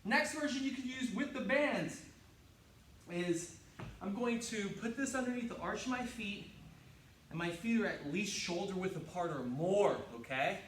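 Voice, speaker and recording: A man's voice: sits high, normal speed, fairly bright tone, a little hiss or hum. A man coaching a home workout, joking around and grunting through the reps as he demonstrates each exercise. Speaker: fitness trainer. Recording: echoey room, mic at a distance.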